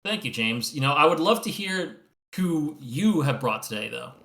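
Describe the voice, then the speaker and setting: A man chatting as a guest on a podcast, making relaxed, easygoing remarks. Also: fairly high pitch, normal speed, vocal fry. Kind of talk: casual podcast chat.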